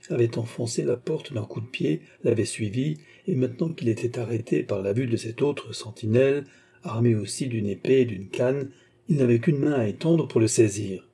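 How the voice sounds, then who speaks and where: Narrateur à la voix sombre et voilée. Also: male voice, mid-range voice, warm tone, husky. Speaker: audiobook narrator. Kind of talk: reading a classic novel aloud.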